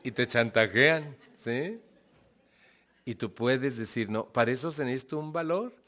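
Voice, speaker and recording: A man's voice: mid-range voice, a little slow, a bit bright. A man with a Mexican accent giving a testimonial talk to a group, telling his story with acted-out dialogue and questions to the audience. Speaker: speaker sharing his recovery story.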